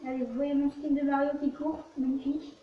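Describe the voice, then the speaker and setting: A woman's voice: high-pitched, flat delivery, brisk. A woman giving casual let's play commentary as host of a gaming video, narrating what they do in short fragments. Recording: very echoey, distant, muffled, faint noise.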